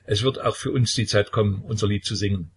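A man's voice: fairly low pitch, steady tone, fast talker, slight background noise, close to an everyday voice. Man reading a pious, firm royal aunt. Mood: consoling. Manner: earnest, urging and consoling.

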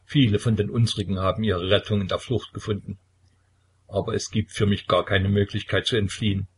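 A man's voice: fairly low pitch, little pitch movement, a little fast, slight background noise, close to an everyday voice. Man reading an anguished young tsarevich. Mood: despairing. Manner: mournful, sighing lament.

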